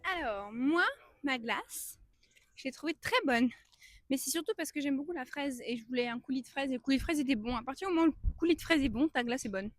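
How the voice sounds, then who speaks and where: A woman's voice: sits high, fast talker, a little hiss or hum. A woman vlogger talking in a casual, chatty way. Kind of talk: casual vlog chat. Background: clear guitar music.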